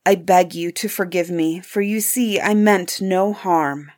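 A woman's voice: on the low side, fairly even intonation, unhurried, darkish tone, lightly acted. A woman voicing a frightened, humble merchant father in a storybook, courteous and pleading. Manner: imploring, courteous, anxious. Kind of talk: storybook character voice.

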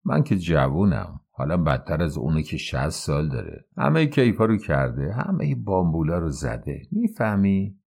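Guy reading as a resentful young man w/ a bad leg, super deep and gravelly, grumbling, storybook audio. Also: huge pitch swings, hardly any pauses, a little mellow, heavily acted. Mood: bitter. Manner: brooding, bitter complaints.

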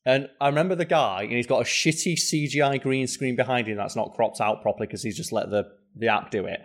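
Animated man chatting casually. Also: fast. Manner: animated, swearing, pitch jumping up in mock quotes. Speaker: podcast co-host. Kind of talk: casual chat.

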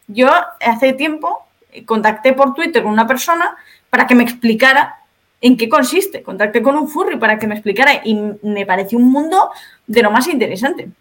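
A high, slightly bright voice belongs to a woman with a Spain Spanish accent. Guesting on a podcast as a video creator, she explains her points one by one in a methodical, explanatory manner.

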